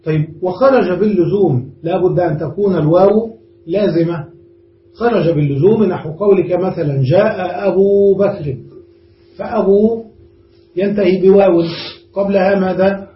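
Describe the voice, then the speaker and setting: A man's voice: high voice, moderate pace. A man giving a classroom grammar lesson, explaining step by step and often checking whether the class understood. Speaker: grammar teacher. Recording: roomy, distant, dull lo-fi room recording with faint noise.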